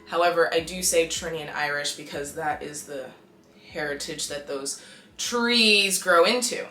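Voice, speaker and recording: A young woman from Canada in her twenties, talking casually to the camera in an animated, exasperated and emphatic way. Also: low voice, unhurried, reverberant, soft background music. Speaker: vlogger. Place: small bright room indoors.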